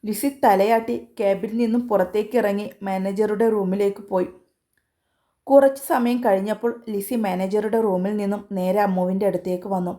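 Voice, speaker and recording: A woman narrating a serialized story in a gentle, even reading voice. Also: medium pitch, normal speed.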